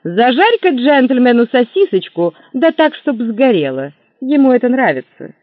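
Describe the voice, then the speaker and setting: A sharp-tongued young barmaid, put on by a man, snaps curt, mocking replies in a raised, lively voice. The audio is dry and narrow, tinny like a small radio. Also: very high-pitched, moderate pace, dry recording, voice pushed up, heavily acted. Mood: scolding.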